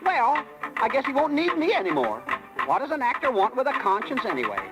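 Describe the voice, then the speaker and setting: An actor playing a small, folksy cricket conscience in a 1930s radio play, with an American accent and a wry, expressive manner. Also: male voice, extremely high pitch, fairly quick, full character voice. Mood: wistful, resigned. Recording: vintage 1930s radio, music behind.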